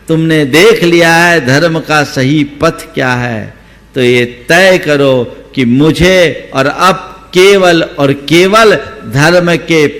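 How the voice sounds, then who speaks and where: Slow gravelly preaching man. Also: medium pitch, fairly bright tone, long reverb tail. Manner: emphatic, exhorting, rising for stress. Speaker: Jain monk. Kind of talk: sermon.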